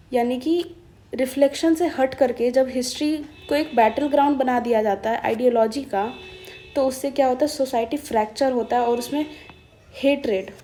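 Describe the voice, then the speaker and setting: Mellow, higher-voiced woman explaining news. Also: slight background noise. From India. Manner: chatty and explanatory, mixing in English phrases; thinks aloud with hesitations and self-corrections. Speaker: current-affairs teacher. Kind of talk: explaining a newspaper for exam students.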